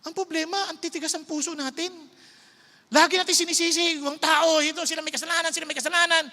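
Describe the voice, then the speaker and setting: Male preacher, emphatic conversational sermon delivery, bright tone. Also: extremely high pitch, level tone, fast talker, long reverb tail.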